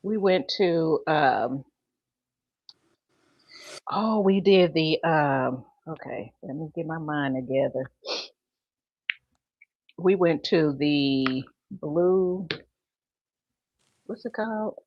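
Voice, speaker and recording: A woman's voice: deep voice, extremely slow, long pauses, no room sound, lo-fi sound. A woman in her fifties hosting a casual livestream while styling her hair, chatting, laughing easily and reading out viewer comments. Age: 50s. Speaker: host.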